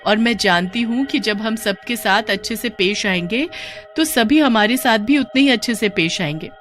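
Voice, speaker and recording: A woman's voice: a little high, moderate pace, soft background music, natural voice. Woman as a loving poor mother. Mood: coaxing. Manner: gentle and encouraging.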